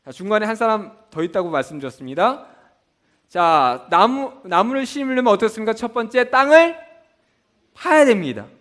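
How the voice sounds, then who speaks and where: A man's voice: high voice, very animated, moderate pace, fairly bright tone. A man teaching a Bible school lesson with memory tricks, often asking the class a question and then answering it himself. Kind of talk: mnemonic lesson with call-and-response questions.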